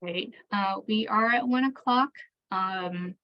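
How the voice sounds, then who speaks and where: A woman's voice: medium pitch, slow pace, lo-fi sound. A woman presenter answering questions off the cuff in an online session, tentative and conciliatory, often trailing off. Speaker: training presenter, local government staffer.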